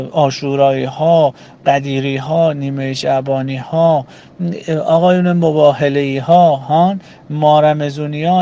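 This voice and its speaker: A man giving an earnest religious talk to a group, speaking in rhythmic lists with frequent pauses. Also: on the high side, dark tone, lo-fi sound.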